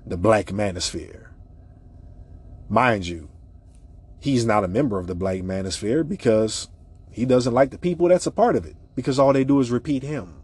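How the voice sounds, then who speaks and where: A man with a raspy voice hosting an opinionated podcast monologue, talking emphatically and repeating his points for effect. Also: mid-range voice, a little mellow. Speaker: podcast host.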